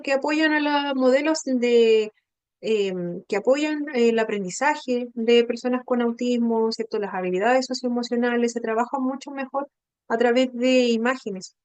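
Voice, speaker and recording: Patient teacher, dry close voice. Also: female voice, a little high, unhurried, a little mellow, smooth, dry recording. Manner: patient, explanatory, checks in with frequent tag questions. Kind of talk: online training class.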